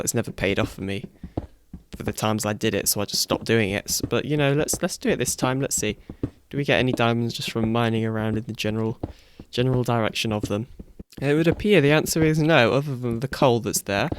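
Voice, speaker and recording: A man's voice: mid-range voice, a little fast, slight background noise. A young man giving casual gameplay commentary as a video host, rambling and correcting himself, with a groggy morning voice. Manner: rambling, self-correcting, chuckles often. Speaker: gaming YouTuber. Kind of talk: casual Let's Play commentary. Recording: faint background music.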